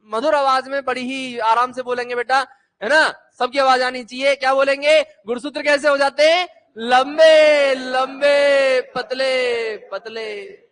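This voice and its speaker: Animated high-voiced male teacher. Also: a little fast. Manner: animated, coaxing students to chant answers. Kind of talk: classroom lecture with call-and-response.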